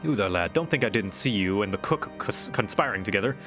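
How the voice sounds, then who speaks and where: A man's voice: on the low side, expressive, a little fast, pitched below the performer's own voice, lightly acted. A blustering male fort guard from a fantasy game, acted out by a man, full of theatrical villain gloating. He is grandiose and scheming in a hammy delivery, with music playing behind him. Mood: mock stern. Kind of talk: hammy read-aloud of game dialogue.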